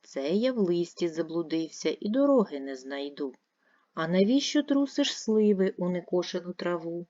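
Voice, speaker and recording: A woman voicing a restless, boastful male wind spirit in a children's poem, speaking in a brisk, self-assured way. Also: lowish voice, expressive, mellow, dry recording, lightly acted. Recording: dull lo-fi dry recording.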